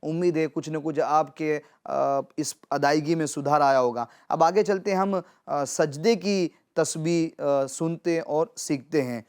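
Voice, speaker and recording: A man's voice: fairly high pitch, few pauses, a little mellow, smooth. A man teaching children Quran pronunciation, patiently repeating and drawing out words to model them. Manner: addresses viewers as dear children. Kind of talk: children's tajweed lesson.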